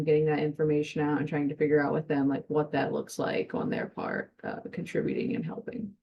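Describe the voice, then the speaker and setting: A woman's voice: low-pitched, dull audio. A woman chairing a meeting, giving updates in an informal way.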